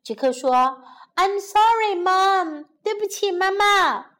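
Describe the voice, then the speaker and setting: A woman voicing a bold young boy in a children's storybook, speaking excitedly. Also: extremely high pitch, takes it slowly, pitched above the performer's own voice, exaggerated voice.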